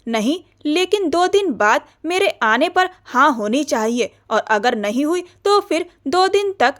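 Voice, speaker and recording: A woman's voice: high-pitched, big pitch swings, a little slow. A woman voicing a possessive, commanding young man who speaks in a stern, insistent way in an audio novel. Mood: threatening.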